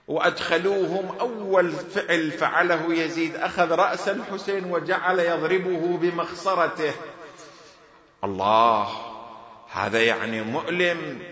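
A man preaching a mourning sermon, telling the story dramatically, dropping to low murmurs and rising to cries. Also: pushed and bright, reverberant, dull audio.

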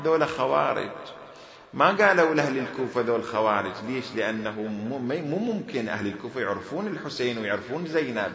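A man preaching a mourning sermon, telling the story dramatically, dropping to low murmurs and rising to cries. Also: animated, quick pace, a bit bright, roomy sound, dull audio.

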